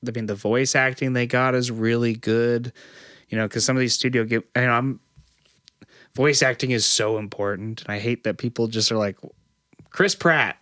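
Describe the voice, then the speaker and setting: Here a podcast co-host rambles through a casual conversation, full of fillers and false starts. He speaks at a moderate pace in a steady, mid-range, fairly bright voice, recorded at studio quality with no room sound.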